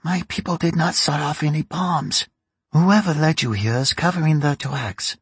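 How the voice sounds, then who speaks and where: A man voicing a raspy old crime matriarch. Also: a little high, moderate pace, dry recording, pitched above the performer's own voice. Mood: defiant. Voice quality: dry and raspy. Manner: mocking, sly, bargaining. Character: old female crime boss, dry, sly, ruthless. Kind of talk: audiobook character reading.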